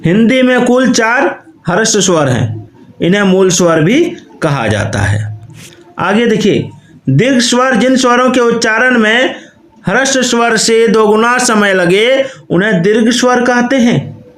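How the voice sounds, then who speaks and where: A man's voice: extremely high pitch, animated, a little slow, fairly bright tone, roomy sound. A man teaching Hindi grammar in a recorded online lesson, who explains step by step and often repeats his questions. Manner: says "okay" and "you can see" often.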